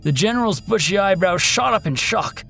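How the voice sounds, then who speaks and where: A man narrating a sci-fi war story and then an equipment history in a measured, dramatic scripted style. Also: sits high, animated, vocal fry, pushed and bright, faint music behind.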